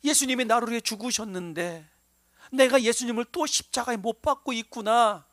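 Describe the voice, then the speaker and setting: High-voiced male pastor preaching with dramatic swings. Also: moderate pace, dry recording. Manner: dramatic preaching, swinging from loud emphasis to hushed near-whispers; asks the congregation rhetorical questions. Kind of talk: sermon.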